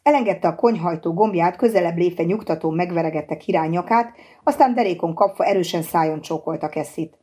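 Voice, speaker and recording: A woman narrating a novel as an audiobook, in a steady, measured storytelling manner. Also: fairly low pitch, slightly rough.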